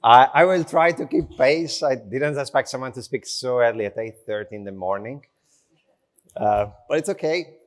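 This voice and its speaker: A man speaking English as a second language gives a conversational tech talk at a slow, unhurried pace, informal and self-deprecating. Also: mid-range voice. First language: not English. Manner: unhurried, slow delivery with short phrases. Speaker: conference speaker. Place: conference stage in front of an audience.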